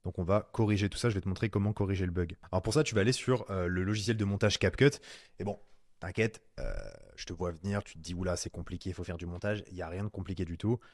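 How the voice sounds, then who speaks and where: A man's voice: sits low, quick pace, darkish tone, dry recording, studio quality. A man giving a casual screen-recorded tutorial in French, chatty and slangy, talking straight to the viewer as "tu". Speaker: online course instructor.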